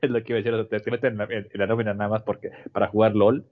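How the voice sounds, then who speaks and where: A man's voice: fairly low pitch, level tone, racing. A man co-hosting a casual chat, joking and hesitating with lots of fillers. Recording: dull lo-fi sound.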